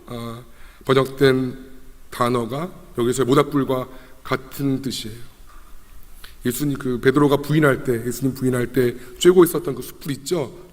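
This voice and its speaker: A young man, a junior pastor, preaching a sermon in a conversational, emotive way, with rhetorical questions and repetition. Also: mid-range voice. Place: church sanctuary. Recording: long reverb of a church hall.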